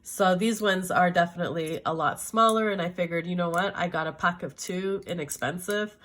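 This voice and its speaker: A woman's voice: on the low side, a little fast, fairly bright tone. Chatty woman with a sore throat. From Canada. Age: middle-aged. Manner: chatty, enthusiastic, self-correcting. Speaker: art vlogger. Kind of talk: casual chat showing art supplies.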